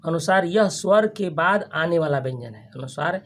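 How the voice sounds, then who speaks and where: A teacher giving a grammar lesson to a class, repeating each term and asking quick questions for the students to answer back. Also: medium pitch, lively intonation. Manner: frequent restarts and checking questions. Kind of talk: classroom lesson with call-and-response.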